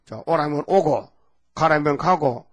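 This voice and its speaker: The sound is lo-fi as an older pastor with a Gyeongsang Korean accent preaches at a measured pace in a slightly high voice. He rambles in a folksy way and keeps drawing the congregation in with call-and-response.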